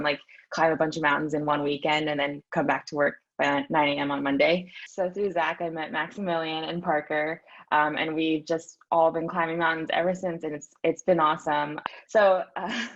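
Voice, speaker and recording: A woman's voice: sits low, dull audio. A woman in her thirties from Southern California, chatting upbeat about her team with many ums. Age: 30s. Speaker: team member. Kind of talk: casual team introduction.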